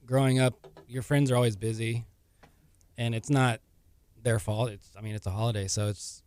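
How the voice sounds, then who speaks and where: A man, a modest and soft-spoken author guest on a radio interview. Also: medium pitch, fairly even intonation, moderate pace, clear, resonant tone, dry recording. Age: 30s. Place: radio studio.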